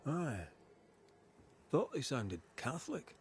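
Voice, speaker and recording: A man playing a calm, discreet ghost hunter in a video game, speaking in a terse, steady way. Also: medium pitch, takes it slowly, slight background noise.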